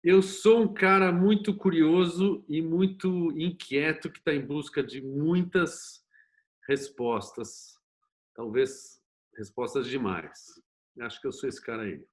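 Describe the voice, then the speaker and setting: A middle-aged man with a Brazilian Portuguese accent speaks slowly in a voice on the high side. A screenwriter and producer appearing as an interview guest, he candidly tells his own story.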